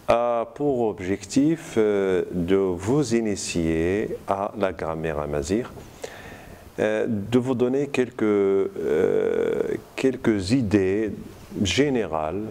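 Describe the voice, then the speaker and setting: Slow, halting male lecturer. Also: low voice, warm tone. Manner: slow and deliberate, with many hesitations. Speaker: university lecturer. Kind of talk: recorded university lecture.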